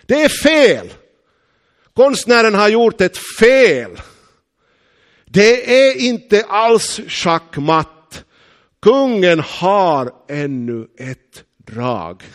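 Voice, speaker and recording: A Finland-Swedish man acting out an excited male chess master who shouts in protest within a sermon story. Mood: urgent. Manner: shouting, high and urgent.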